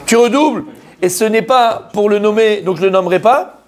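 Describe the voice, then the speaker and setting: A rabbi with a high, bright-sounding voice delivers a spirited Torah lesson in French. He speaks straight to his listeners and peppers his speech with Hebrew phrases. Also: normal speed. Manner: animated, addresses listeners directly, mixes Hebrew terms into French. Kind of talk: Torah lesson, lively sermon.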